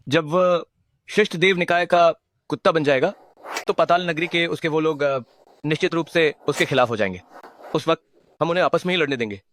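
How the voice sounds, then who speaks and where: An actor voicing a shifty, scheming ally who lays out a plot in a smooth, conspiratorial way, in a Hindi drama dub. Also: male voice, a little high, fairly bright tone, natural voice.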